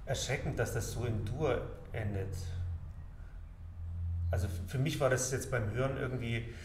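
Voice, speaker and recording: A man hosts a relaxed talk with musicians at an ordinary pitch, asking questions with frequent ums. The sound is roomy with a faint hiss. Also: normal speed. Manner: conversational, asks questions with many fillers. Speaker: pianist host. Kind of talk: casual interview talk. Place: living room with a piano and plants. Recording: echoey room, faint hiss.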